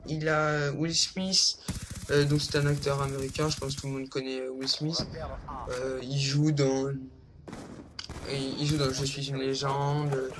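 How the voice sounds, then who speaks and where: Hosting a casual countdown vlog, a young man speaks unhurriedly in a mid-range, level voice, hesitant and rambling with plenty of filler words. The audio comes from a low-quality home recording.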